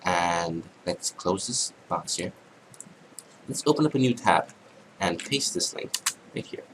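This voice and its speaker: A man with a cold, hoarse and congested, talking through a screen-recorded software tutorial in a casual, halting way with many ums. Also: low-pitched, lively intonation, noisy background. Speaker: tutorial narrator.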